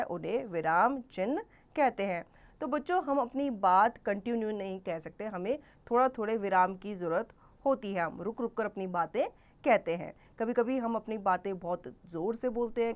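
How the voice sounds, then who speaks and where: A woman teaching a grammar lesson to children, explaining slowly and clearly and drawing out the example sentences. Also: fairly high pitch.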